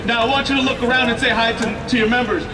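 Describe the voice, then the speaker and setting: A man's voice: very high voice, fairly even intonation, quick pace. A man giving a rousing union rally speech, exhorting the crowd with repeated phrases and calls for a response. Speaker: rally speaker. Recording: roomy outdoor sound, distant mic, crowd.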